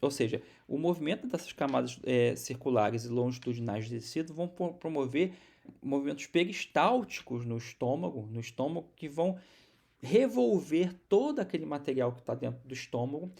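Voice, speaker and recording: A man's voice: fairly high pitch, animated, a little fast, gravelly, warm tone. A man from Brazil giving a recorded university biology lecture, explaining step by step with many restarts and repeated words.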